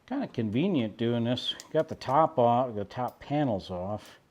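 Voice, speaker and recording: A man's voice: medium pitch, expressive, measured pace, darkish tone, lo-fi sound, a little hiss or hum. A man narrating a casual how-to while working in his own vehicle, with a wry, self-deprecating, muttering manner. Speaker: DIY car vlogger.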